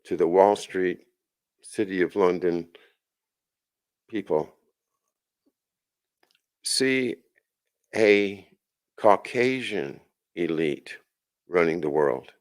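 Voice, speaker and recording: A man with a very low, deep voice talks through a long solo monologue as host of his own show. He wanders from point to point, circling back with restarts and asides. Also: expressive, drawn-out words, pauses often. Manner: rambling, with many restarts and asides. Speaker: podcast host. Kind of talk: casual monologue.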